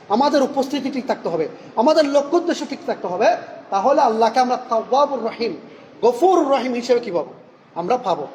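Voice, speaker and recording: High-voiced man preaching in an echoey hall. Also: a little mellow. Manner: rhetorical questions answered by himself; slow, careful recitation of Arabic phrases. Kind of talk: Friday sermon. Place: mosque. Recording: echoey hall reverb, faint room noise.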